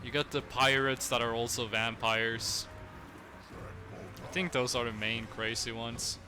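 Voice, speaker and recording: A young Norwegian man with a Norwegian accent streams a strategy game, chatting casually with viewers and rambling with lots of fillers. His medium-pitched voice stays fairly flat and unhurried, and the background is noisy.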